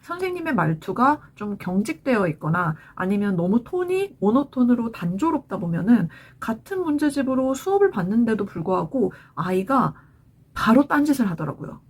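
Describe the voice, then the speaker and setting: A woman's voice: a little high, big pitch swings, moderate pace, a little mellow, husky. A woman in her forties, a parent vlogger giving chatty advice to other parents in a scripted talk to camera.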